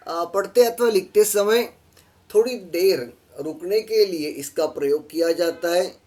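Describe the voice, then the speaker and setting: Higher-pitched man teaching a slide lesson. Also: darkish tone. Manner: explains patiently, repeats key phrases, pauses with fillers. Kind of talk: classroom lesson over slides.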